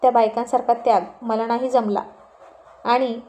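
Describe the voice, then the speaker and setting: A woman's voice: a little high, flat delivery, moderate pace, warm tone, natural voice. A woman reading a story aloud and voicing a shy young wife who sulks and pleads with her husband. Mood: sulky. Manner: pleading, sulky.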